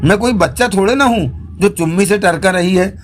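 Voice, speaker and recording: A man's voice: high-pitched, moderate pace, a little hiss or hum, pitched above the performer's own voice, natural voice. A man voicing a greedy, wheedling fellow who coaxes and sulks, in an audiobook. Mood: sulky. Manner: coaxing, sulky.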